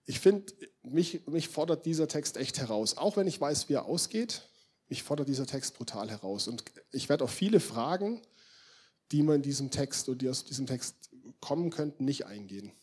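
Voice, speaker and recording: A young male preacher with a husky, slightly breathy voice at a middle pitch. He talks to his congregation like friends, loose and informal. He jumps from loud, emphatic bursts to low, intense near-murmurs. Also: lively intonation, moderate pace. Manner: casual, swings from loud emphatic outbursts to quiet intense murmurs; addresses the congregation directly. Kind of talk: sermon.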